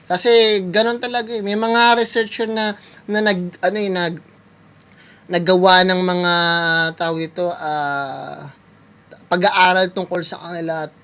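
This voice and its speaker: A man's voice: high voice, fairly even intonation, unhurried, pushed and bright, clear, resonant tone. A man giving casual, rambling reaction commentary, talking directly to his viewers with many fillers. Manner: rambling, full of fillers, keeps addressing viewers as guys. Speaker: music producer reacting to a video. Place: California.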